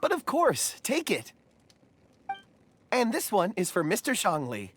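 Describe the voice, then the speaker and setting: Earnest, very animated young enthusiast. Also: female voice, mid-range voice, unhurried, a little hiss or hum. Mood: gracious. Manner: polite, expressive. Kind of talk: video game voice acting.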